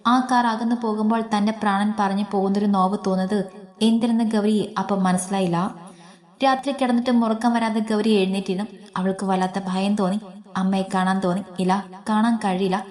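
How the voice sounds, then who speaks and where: Woman gently reading a story aloud. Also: mid-range voice, steady tone, brisk. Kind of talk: scripted story narration.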